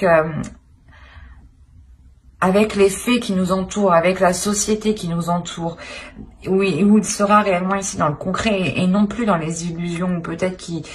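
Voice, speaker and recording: Speaking on the low side, a tarot reader and channel host improvises a reading for her viewers. She sounds hesitant, frequently repeating herself and rephrasing as she searches for the right words, with slight background noise behind her.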